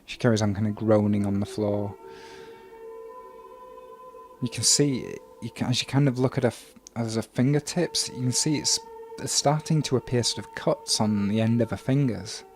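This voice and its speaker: A man narrating a tabletop game as game master, relaxed and full of ums and uhs. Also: lowish voice, normal speed, faint music behind.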